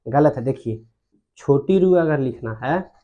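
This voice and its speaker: A man's voice: mid-range voice, animated, measured pace, highs cut off. A man teaching Hindi grammar at a board, who repeats terms and asks his students questions. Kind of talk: whiteboard grammar lesson.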